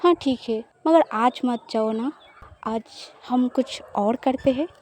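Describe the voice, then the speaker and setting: A woman's voice: fairly high pitch, takes it slowly, a little mellow, a little hiss or hum. A woman voicing a teasing, possessive young woman lover in an audio love story. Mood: coaxing.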